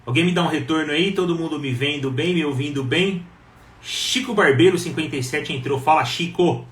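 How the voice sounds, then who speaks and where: A man's voice: fairly high pitch, brisk, fairly bright tone. Guy hosting a live stream, chatty, says hi to everyone, sounds kinda far off in an echoey room. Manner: chatty, greets viewers one by one. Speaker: live show host. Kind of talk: casual live-stream chat. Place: home, Ribeirão. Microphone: wireless mic. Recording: roomy and distant with faint background noise.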